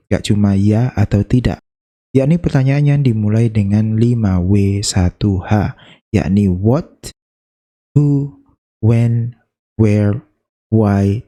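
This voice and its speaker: Casual teacher with a very dark, mellow voice. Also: male voice, lowish voice. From Indonesia. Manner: chatty, playful, slows down to demonstrate intonation. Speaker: English teacher. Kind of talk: casual spoken lesson.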